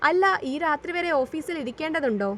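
A woman's voice: sits high, lively intonation, fairly quick, fairly bright tone, a little hiss or hum. A woman reading as Ashi, a blunt loyal friend. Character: young man Ashi, protective loyal friend.

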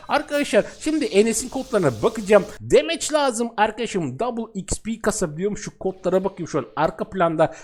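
A man hosts a casual let's-play, chattering excitably to his viewers while he plays. His pitch swings widely from line to line, and he laughs a lot between remarks. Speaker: gaming channel host.

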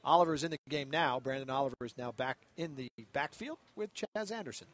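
A man's voice: mid-range voice, lively intonation, a little fast, fairly bright tone. A man calling a college football game as play-by-play announcer, conversational and a little rambling. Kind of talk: sports commentary.

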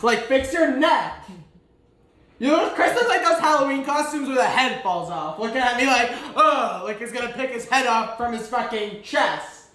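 A man's voice: extremely high pitch, expressive, normal speed, pushed and bright. A young man vlogging at home, complaining animatedly and exasperated, breaking into laughter. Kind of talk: casual chat. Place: home kitchen. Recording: echoey room with background noise.

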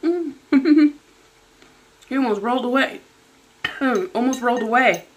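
A woman's voice: high voice, unhurried, a little hiss or hum, rough recording. A woman eating dinner on camera, talking casually between bites with her mouth full and chewing. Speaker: food vlogger. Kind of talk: casual mukbang chat. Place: home, indoors at the dinner table.

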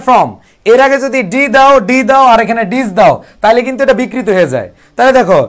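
A Bangladeshi man teaching English vocabulary in a live online class, coaxing students as brothers and drilling words over and over. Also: extremely high pitch. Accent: Bangladeshi Bengali.

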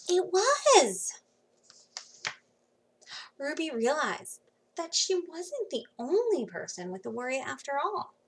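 A woman in her thirties with a high, sing-song voice reads a children's storybook aloud expressively, using dramatic pauses and hushed emphasis. She's recording on a computer mic in a small room at home, with faint background noise.

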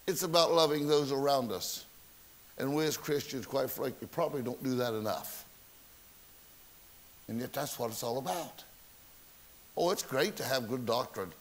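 In a church sanctuary, a pastor preaches a sermon full of folksy stories and rhetorical questions to the congregation, poking fun at himself. His voice is medium-pitched at a normal pace with frequent pauses, and the recording is rough.

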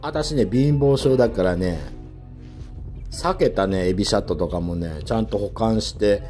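A man talking casually while fishing outdoors from a lakeside pier, speaking in a soft, feminine manner, picked up by a worn action camera. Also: fairly low pitch, normal speed, soft background music. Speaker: fishing vlogger.

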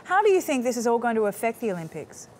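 A woman's voice: fairly high pitch, sing-song, quick pace, a little hiss or hum. A woman in her thirties interviewing a guest live as a television news anchor. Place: TV news studio.

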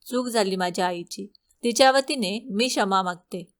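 A woman's voice: mid-range voice, normal speed, close to an everyday voice. A woman storyteller voicing a young princess who earnestly begs an old woman for forgiveness. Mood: pleading. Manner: earnest pleading. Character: young princess, humble and pleading.

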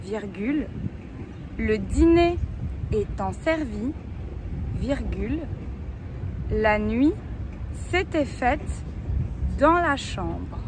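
A woman's voice: a little high, very animated. A young woman dictating a text outdoors, phrase by phrase, as a teacher would. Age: young adult. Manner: dictating slowly with repeats and spoken punctuation. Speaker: French teacher. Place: outdoors in a city park. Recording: clear outdoor street and traffic noise.

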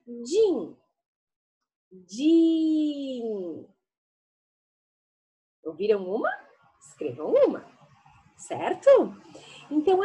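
A woman teacher giving a lesson to young children, sounding out syllables slowly and coaxingly. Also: high voice, darkish tone. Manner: slow, sing-song sounding out of syllables; affectionate, coaxing.

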